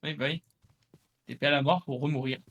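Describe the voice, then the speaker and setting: A man's voice: fairly high pitch, fairly even intonation, fairly quick, fairly bright tone, dull audio. Man streaming a game with friends. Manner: laughing, joking banter. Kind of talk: casual gaming chat.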